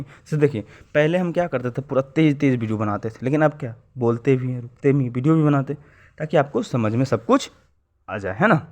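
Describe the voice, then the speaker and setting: A man giving an exam-prep lecture at a middle pitch. He explains patiently and in a halting way, and often restarts a word mid-way. He keeps asking "right?" to check that his students follow. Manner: explanatory, repeats "है ना" and "ठीक है" often. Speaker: teacher.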